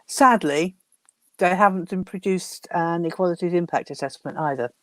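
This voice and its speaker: A woman's voice: fairly low pitch, moderate pace, fairly bright tone, no room sound. A woman hosting a political interview over a video call, asking pointed questions one after another. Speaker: interview host.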